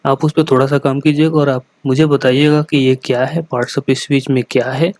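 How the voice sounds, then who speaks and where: A male teacher gives a patient vocabulary lesson in a classroom manner, spelling words out letter by letter and pausing to check that his students follow. His voice sits at an ordinary middle pitch. The sound is close and dry, with no room echo. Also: fairly even intonation, a little mellow. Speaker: English teacher.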